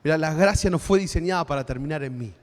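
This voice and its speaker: High-voiced Argentine pastor preaching. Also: male voice, fast, in a large hall. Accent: Argentine Spanish. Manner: conversational preaching with frequent tag questions. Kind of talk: sermon.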